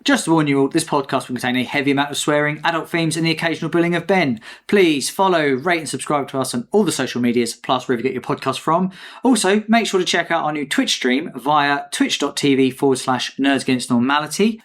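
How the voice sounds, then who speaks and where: A man's voice: on the high side, fast talker, a bit bright. A man hosting a podcast, joking and teasing his co-hosts in casual banter. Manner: joking, teasing, swears freely. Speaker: podcast host.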